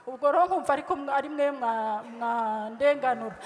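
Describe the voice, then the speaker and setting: High-voiced woman pleading in a hall. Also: brisk. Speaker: audience member asking a question. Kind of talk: public question at a town hall. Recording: echoey hall.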